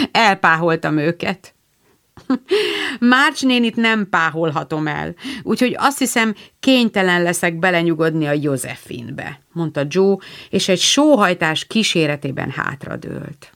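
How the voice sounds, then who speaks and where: Lower-voiced woman reading an audiobook. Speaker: audiobook narrator. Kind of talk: audiobook narration with character voices.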